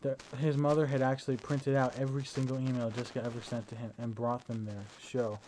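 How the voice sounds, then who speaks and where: A young man lying down at home talks fast in a medium-pitched voice, recording a casual video diary on a battery-powered camera. His relaxed talk is hesitant, full of fillers and restarts, with a little hiss or hum in the background.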